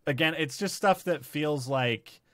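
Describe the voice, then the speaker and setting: A man's voice: a little high, a little slow, fairly bright tone, no room sound, clean studio sound. A man hosting a podcast, talking casually and rambling with lots of fillers and restarts. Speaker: podcast host. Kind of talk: casual chat about a TV series.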